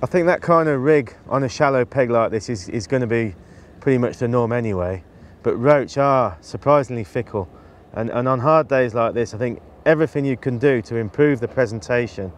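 A man's voice: medium pitch, a little hiss or hum. A man in his forties, a match angler, gives a practical, explanatory demonstration to camera outdoors on a riverbank, talking into a lapel mic with fillers and restarts along the way. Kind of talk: instructional talk to camera.

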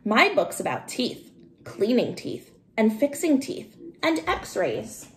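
An eager little storybook girl, played by a woman reading aloud, proud and excited. Her voice is high and exclaiming, in a roomy home recording. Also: slow, a little hiss or hum, exaggerated voice. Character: eager young girl who dreams of dentistry.

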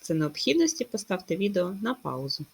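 Woman, middle-aged, teacher, slow word-by-word dictation, animated pitch. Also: gravelly, slight background noise. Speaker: primary school teacher. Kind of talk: recorded remote lesson for children.

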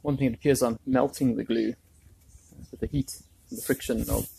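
A DIY video presenter thinks aloud informally while working, giving casual hands-on workshop commentary. His mid-range voice is warm and steady at a moderate pace, creaky with a breathy edge, in a rough recording with background noise, clicks and handling sounds.

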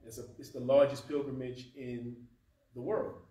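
A man in his thirties, medium-pitched and not a native Arabic speaker, gives an informal teaching talk at a mosque, standing at a lectern in a carpeted prayer room. He is conversational and animated, gesturing as he speaks, his mouth dry from fasting. A far-off camera records him, so the sound is roomy and distant with a faint hum.

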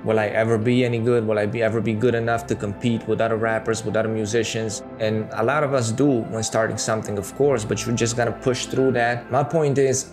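Indoors in a small room of his home, a thirtysomething YouTuber with a Serbian accent speaks straight to camera in a relaxed monologue for a casual video. His voice sits on the low side, and his talk is candid and chatty, loaded with fillers, captured up close by a boom-mounted studio mic.

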